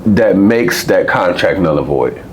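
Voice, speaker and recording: A man's voice: deep voice, animated, measured pace, darkish tone, highs cut off, slight background noise. An American man in his twenties or thirties, co-hosting a podcast, rambling and profane in casual conversation. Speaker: podcast co-host.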